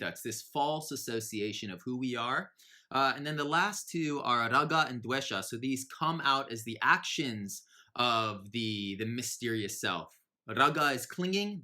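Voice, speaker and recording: A man's voice: medium pitch, sharp tone. A man teaching a meditation lesson, talking in a reflective, searching way with frequent fillers. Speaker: yoga teacher.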